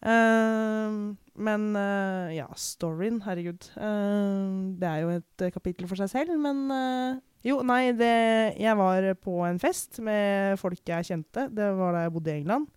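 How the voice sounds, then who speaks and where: A young woman from Norway giving a candid, reflective personal account in conversation, pausing and restarting often. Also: medium pitch, darkish tone, smooth, no room sound. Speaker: podcast guest.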